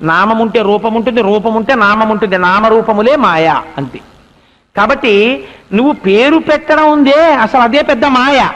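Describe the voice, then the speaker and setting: A man delivers a spiritual discourse in a very high voice, retelling a story and pausing to put questions to his listeners. His voice rings with a long reverb from a large hall. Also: highs cut off. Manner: animated storyteller, rhetorical questions to the audience.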